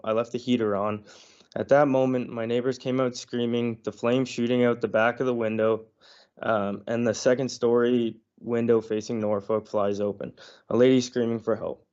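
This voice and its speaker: A man who is feeling unwell, reading a prepared statement to a council committee in an earnest, slightly halting way over a remote call. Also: medium pitch, a little mellow, smooth. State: unwell, under the weather. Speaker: property owner presenting to council. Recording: dull lo-fi online audio.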